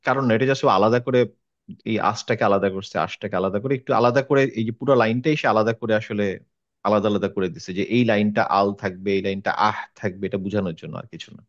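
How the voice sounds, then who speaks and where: A man's voice: lowish voice, fast talker, highs cut off. A man teaching an online Quran reading class, patiently demonstrating how each letter is pronounced by repeating it.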